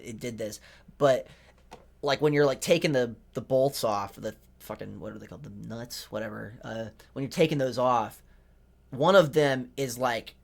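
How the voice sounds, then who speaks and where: A man's voice: medium pitch, a bit bright. A young man hosting a podcast, telling a rambling, profane story about his family in a casual monologue, full of "like" and restarts. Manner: rambling, profane, self-interrupting with lots of "like". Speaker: podcast host, rookie stand-up comedian.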